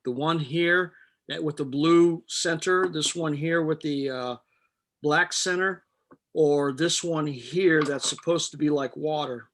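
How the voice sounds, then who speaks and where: A man's voice: on the high side, slow pace, fairly bright tone, a little hiss or hum. A middle-aged man teaching a chemistry class, explaining step by step with patient jokes. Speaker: chemistry instructor. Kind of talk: live online chemistry lecture.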